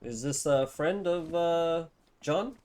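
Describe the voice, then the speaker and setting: A man's voice: fairly high pitch, takes it slowly, a little mellow. A young man streaming a game, chatting casually and amiably with strangers he meets. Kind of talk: casual chat while playing a game.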